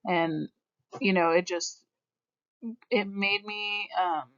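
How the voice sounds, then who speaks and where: A young American woman speaks candidly about her own life in a reflective monologue packed with casual filler phrases. Her voice sits low with a fairly bright tone, and the lo-fi recording sounds slightly dull.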